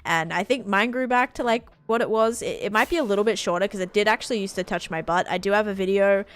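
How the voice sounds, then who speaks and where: A woman's voice: medium pitch, fast. A woman, chatting casually and rambling with lots of fillers while she streams a game. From Australia. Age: late 20s. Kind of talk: casual chat while gaming.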